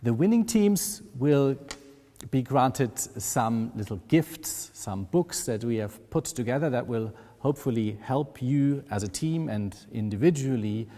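A middle-aged man with a German accent presenting awards in a formal speech, measured and proud, at a desk in a wood-panelled room. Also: mid-range voice, expressive, mellow. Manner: measured, proud ceremonial delivery. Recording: long hall reverb.

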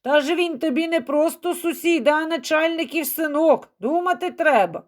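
A woman's voice: sits high, lively intonation, moderate pace, pitched above the performer's own voice. A woman voicing an old mountain man, teasing and scolding his young companion in a storybook reading. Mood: mocking.

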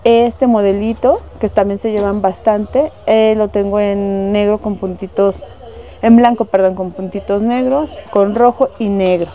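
A Mexican saleswoman in a shop walks through the goods one by one, giving wholesale prices. She talks casually and is fond of diminutives. Her voice is mellow and warm, at an ordinary pitch for a woman. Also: steady tone, unhurried. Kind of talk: casual product showcase. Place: shop indoors.

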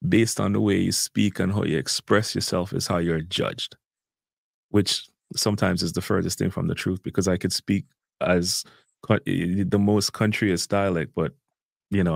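A man's voice: low-pitched, creaky, no room sound, studio quality. A Jamaican man with a Jamaican accent, earnestly explaining in a casual interview. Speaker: guest language educator.

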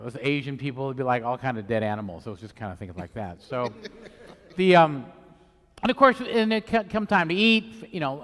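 A middle-aged priest with a voice of ordinary pitch, reading scripture at a steady pace and drifting into a relaxed, rambling homily. His words hang in the long cathedral echo of a large church. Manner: measured reading, then loose chatty preaching with fillers.

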